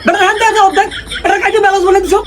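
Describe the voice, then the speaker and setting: A man's voice: very high voice, little pitch movement, rapid-fire, a crowd in the background, background noise. A man acting an exasperated, scolding master tailor in a comedy skit, with a regional eastern Bangladeshi Bengali accent. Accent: regional eastern Bangladeshi Bengali dialect. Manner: bossy, scolding. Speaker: comedy sketch actor.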